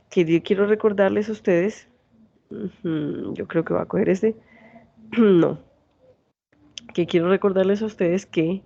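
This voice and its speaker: A woman's voice: lowish voice, creaky, dark tone, lo-fi sound. A woman in her forties with a Santander Colombian accent, a university teacher giving an online lecture and often asking her students questions. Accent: Santander Colombian Spanish. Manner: asks students many check questions.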